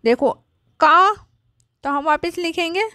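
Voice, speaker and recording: A woman teaching young children at a board. She asks questions and answers them herself, and she draws out each letter sound slowly. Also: very high-pitched, sharp tone, no room sound, studio quality. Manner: slow, drawn-out sounding of letters.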